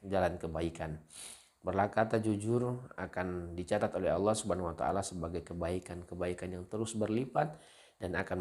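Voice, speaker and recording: A man giving an earnest Islamic sermon in a measured way, with frequent fillers and repeated words. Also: sits low, a little mellow. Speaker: preacher.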